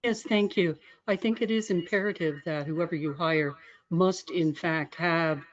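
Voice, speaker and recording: A woman calling in online to a board meeting. Her microphone makes her sound garbled and underwater, and she speaks formally and haltingly, repeating herself to check she is heard. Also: fairly low pitch. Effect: garbled, underwater-sounding microphone audio. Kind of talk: public comment at a board meeting. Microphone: remote video call microphone. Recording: muffled, distant online call audio.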